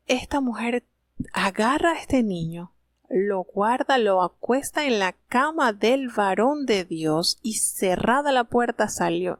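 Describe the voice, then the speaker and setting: Gravelly-voiced woman retelling scripture. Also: medium pitch, no echo, studio quality. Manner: retells the story, voicing its characters' lines; explains with gentle asides and small hesitations. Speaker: Bible reading commentator. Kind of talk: live Bible reading commentary, retelling scripture.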